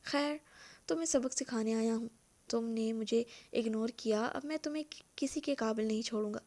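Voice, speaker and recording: Woman doing a cold taunting young villain, high voice, storybook. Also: a little mellow, close to an everyday voice. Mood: menacing. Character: menacing young male stalker, cold and taunting.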